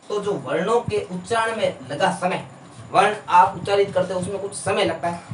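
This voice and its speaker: High-voiced male teacher drilling a class. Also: fairly bright tone, slight background noise. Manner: drills students with repeated questions and answers. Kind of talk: classroom lecture. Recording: echoey room, voice from a distance.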